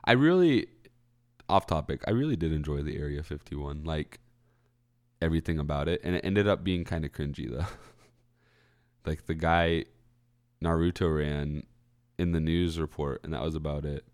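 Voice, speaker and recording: Speaking at normal speed with long pauses, a young man with a congested bass voice rambles through a casual solo chat for his college radio show. Recorded on a studio microphone, he keeps correcting himself and clearing his throat.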